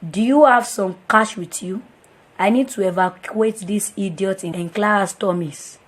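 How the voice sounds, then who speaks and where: An actor with a Nigerian accent playing a careless young womanizing boyfriend, husky and mocking in manner. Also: high-pitched, moderate pace. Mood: boastful. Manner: mocking, boastful. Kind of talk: film drama acting.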